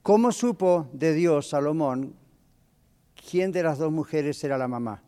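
Male pastor, conversational Bible teaching, fairly high voice, long church reverb. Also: animated, unhurried, warm tone, clean tone. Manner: conversational, asks the congregation questions. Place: church hall.

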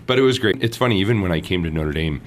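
A man's voice: deep voice, lively intonation, rapid-fire. A man from Minnesota, a priest and podcast guest, telling stories casually and acting out the voices he quotes with laughs. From Minnesota, United States. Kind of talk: casual storytelling interview.

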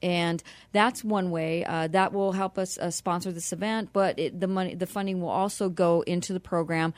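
A woman speaks earnestly as a guest on a radio show, her voice sitting on the low side. The sound is dry and close, with no room around it. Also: fairly even intonation, dry recording. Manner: earnest, spells things out slowly. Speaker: nonprofit director, guest. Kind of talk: radio interview.

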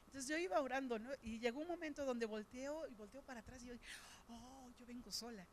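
A middle-aged woman with a Mexican Spanish accent delivers a sermon as if telling stories to friends. Her voice sits a little high, and she leans on casual fillers. A faint hiss runs under the recording. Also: fast. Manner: conversational storytelling, frequent fillers "este". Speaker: preacher.

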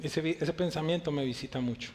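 A man's voice: fairly high pitch, a little fast, darkish tone, a little hiss or hum. A middle-aged male pastor preaching a sermon, emphatic, asking the church rhetorical questions.

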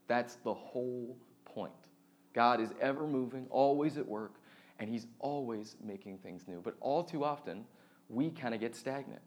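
A man's voice: mid-range voice, normal speed. Chatty, self-deprecating young male pastor. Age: 30s. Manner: chatty, self-deprecating, many fillers and restarts. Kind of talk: casual conversational sermon.

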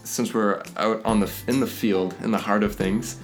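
A man hosting a casual interview podcast, talking in halting, pause-filled phrases. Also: fairly low pitch, fairly even intonation, over music. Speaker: podcast host.

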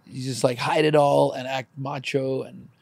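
Gravelly and darkish, his medium-pitched voice moves little in pitch and runs at normal speed, with no echo. He's a middle-aged man who was born in Ukraine and left at four, speaking frankly and forcefully in a confessional, casual conversation peppered with swearing, "man," and "dude."

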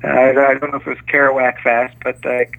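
A man's voice: medium pitch, little pitch movement, fairly quick, gravelly. A man, an author being interviewed, talks in a hesitant way with many restarts and small laughs. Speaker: author and guest. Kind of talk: casual interview chat. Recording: tinny phone line.

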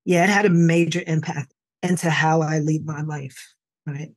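Storytelling New woman, lowish voice. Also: normal speed, husky. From New York, USA. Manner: relaxed storytelling with frequent "like" and "you know". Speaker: podcast guest. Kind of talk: conversational interview.

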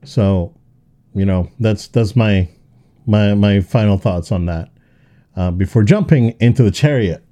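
Man, casual podcast chat, very dark low voice, halting with restarts. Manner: hesitant, many restarts and fillers. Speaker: podcast co-host.

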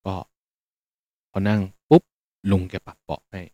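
A man hosting a podcast, telling a personal story in a relaxed, meandering way with fillers. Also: measured pace, dry recording, dull audio. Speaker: podcast host. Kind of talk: casual spoken storytelling.

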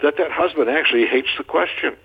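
Over a tinny phone connection, an older marriage counselor guesting on a radio show spins folksy, jokey stories with animation. He talks quickly in a slightly high voice that is creaky and a touch rough.

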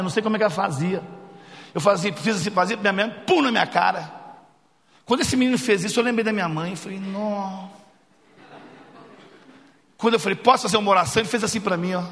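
A man preaching a sermon, telling a funny story and acting out the dialogue. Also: high voice. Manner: jokey, animated, acts out dialogue. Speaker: pastor. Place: church sanctuary. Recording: reverberant church hall.

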